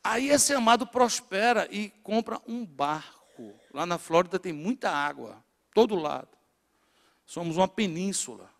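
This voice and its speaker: Nordeste brazilian pastor guy, high voice, loud then quiet, church hall echo. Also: expressive, a little slow, creaky. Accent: Northeastern Brazilian. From Natal, northeastern Brazil. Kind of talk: sermon to a congregation. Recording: long hall reverb in a church.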